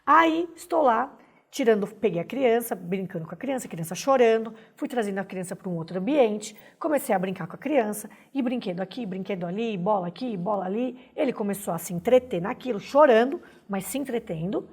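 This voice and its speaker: Husky Brazilian woman giving a lecture. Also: mid-range voice, animated, a little fast. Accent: Brazilian Portuguese. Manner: explanatory, frequent "né?" tag questions. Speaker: instructor. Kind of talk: recorded class lecture.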